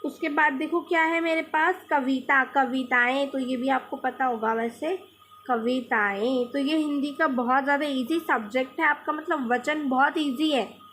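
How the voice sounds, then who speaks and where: A young woman teaching a grammar lesson to children, patiently repeating words slowly as she writes them out. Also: sits high, a bit bright, a little hiss or hum.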